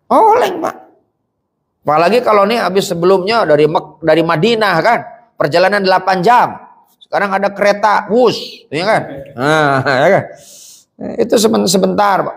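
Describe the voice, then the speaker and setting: A male preacher telling a religious story in an animated way, who keeps turning to his listeners directly. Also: high voice, vocal fry. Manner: animated, keeps addressing the audience as "Pak". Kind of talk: Islamic sermon storytelling. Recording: echoey hall reverb.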